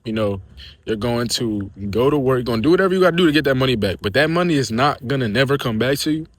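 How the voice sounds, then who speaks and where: A man's voice: mid-range voice, animated, quick pace. A young man talking casually to camera as a day trading video creator, laid-back and encouraging, repeating himself and using slang. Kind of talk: casual motivational talk to camera.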